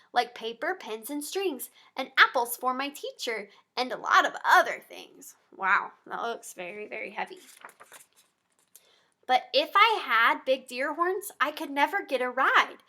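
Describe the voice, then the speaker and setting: A pediatric therapist reads a picture book aloud to young children, her high, bright voice swooping and lifting as she goes. She takes it slowly and, between pages, chats animatedly and directly with her small listeners.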